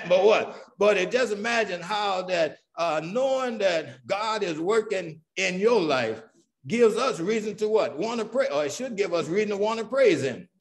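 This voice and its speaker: A man with a slightly raised pitch teaches a church Bible class. He keeps tossing out "what?" and then answering his own question. Nearly every point ends on an "amen," with a small chuckle now and then. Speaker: Sunday school teacher.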